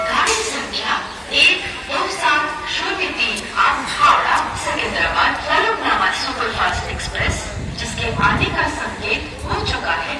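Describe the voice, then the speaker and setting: A woman making a formal train announcement over a railway station loudspeaker, measured and clipped word by word. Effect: station loudspeaker public address. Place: railway platform. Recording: booming echo from distant station loudspeakers. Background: loud station noise.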